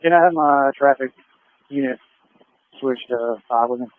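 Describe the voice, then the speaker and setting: A man acting as the officer in command on scene, giving brisk, clipped radio codes over a walkie-talkie. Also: medium pitch, dry recording. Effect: over a police walkie-talkie radio. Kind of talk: police radio traffic. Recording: tinny dry radio transmission.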